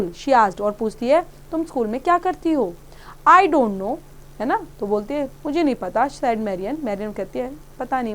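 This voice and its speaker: A woman teacher with an Indian accent who reads English lines slowly and then explains them to students in a conversational way. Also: fairly high pitch, a little mellow.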